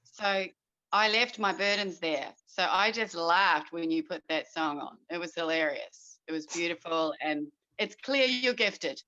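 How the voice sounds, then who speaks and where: A woman's voice: lowish voice, measured pace, sharp tone, lo-fi sound. A woman sharing sincerely and gratefully during a workshop video call. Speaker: workshop participant.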